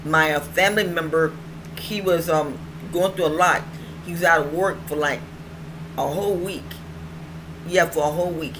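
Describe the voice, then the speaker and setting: A woman's voice: deep voice, moderate pace, pauses often. A middle-aged woman with toothless, slightly slurred speech, chatting casually and ramblingly as she hosts her own online show, often repeating phrases for emphasis. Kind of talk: casual vlog chat. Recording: clearly noisy home recording.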